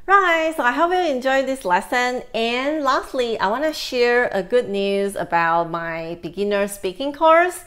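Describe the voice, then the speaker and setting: Slow-paced Taiwanese woman teaching. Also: a little high, a bit bright. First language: Mandarin. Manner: explanatory, with Mandarin example phrases. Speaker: Mandarin teacher. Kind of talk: conversational language lesson to camera. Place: small living room, indoors. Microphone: lapel mic.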